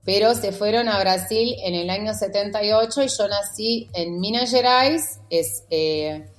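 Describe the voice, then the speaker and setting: This middle-aged wedding photographer from Rio de Janeiro speaks with a Buenos Aires porteño accent in a mid-range voice at a measured pace, with faint music in the background. As a guest on a podcast, she tells personal stories in a relaxed interview, bringing quoted exchanges to life with lively performance.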